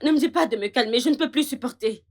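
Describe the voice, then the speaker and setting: An angry young woman with a high voice who shouts and begs in turn. She sounds at the end of her rope. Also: quick pace. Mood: pleading. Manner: shouting, pleading. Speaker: dubbing actress. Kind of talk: dubbed film drama.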